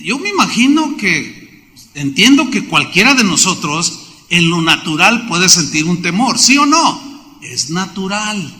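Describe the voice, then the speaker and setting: A man preaching from the pulpit in a high, piercing voice. He drives the sermon with lively questions to the congregation, and the sound rings out with a long reverb through the church hall. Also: slight background noise. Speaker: pastor.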